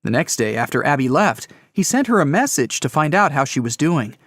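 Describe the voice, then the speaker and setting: A man narrating riddle stories in a scripted, lively storytelling way. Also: mid-range voice, a little fast, dry recording, studio quality.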